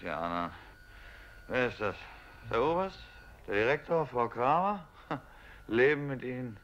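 A man giving a dramatic reading of a stage play, speaking as a bitter, despairing soldier, often hushed and at times rising to anguished cries. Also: mid-range voice, expressive, a little slow, lo-fi sound. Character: Beckmann, despairing war-returned man.

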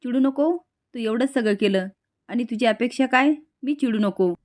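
A woman's voice: on the high side, normal speed, darkish tone, no room sound, studio quality, natural voice. A woman reading the lines of an upset adult man in a retold serial episode, raising her voice in reproach. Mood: angry, hurt.

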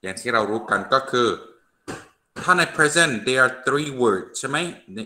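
A man gives an online English grammar lesson with a bright, forceful tone. He stretches out each English example slowly, then switches to brisk Thai explanations. He speaks into a computer microphone on a video call. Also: medium pitch, animated. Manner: slow, drawn-out English drills mixed with quick Thai explanations. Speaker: English teacher.

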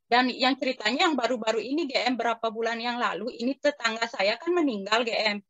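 A woman's voice: on the high side, a little fast, a bit bright, dry recording, dull audio. A woman in casual conversation, telling a personal experience to her teacher, hesitant and respectful, with many fillers and restarts. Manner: respectful, keeps addressing the teacher. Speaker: participant asking the teacher.

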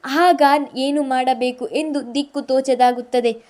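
A woman's voice: high-pitched, steady tone, measured pace, a little mellow. A woman storyteller voicing a shaken young woman who speaks through tears. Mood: tearful. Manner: tearful, pleading.

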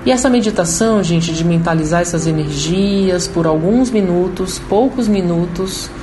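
A woman's voice: on the low side, moderate pace, background noise. A woman with a Brazilian accent giving an informal explanatory talk as a program host. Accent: Brazilian Portuguese. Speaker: program host and holistic therapist.

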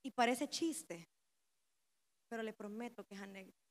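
Speaking at normal speed in a fairly high voice, a young Honduran Spanish-accented woman delivers a sermon to a women's conference. Her preaching is impassioned, building to loud, emotional climaxes.

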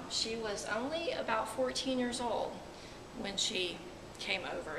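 A woman museum curator answering interview questions in an informative way, pausing often with filler words. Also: medium pitch. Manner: hesitant, many ums, informative. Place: large museum exhibit hall, indoors. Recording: reverberant hall with clear background noise.

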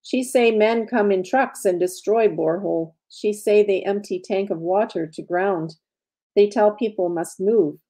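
A woman's voice: mid-range voice, unhurried, warm tone, lightly acted. A woman reading the lines of a village translator who speaks in broken English with short, blunt phrases. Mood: matter-of-fact. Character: local woman translator, plain-spoken. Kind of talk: reading aloud from her own story.

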